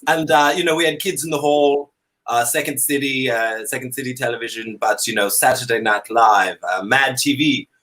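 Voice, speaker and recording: Over a video call from an indoor room at home, a drag comedian from Canada chats comically as a talk show guest, putting on a theatrical dandy persona and hesitating as he speaks. His mid-range voice is pushed and bright, at a moderate pace.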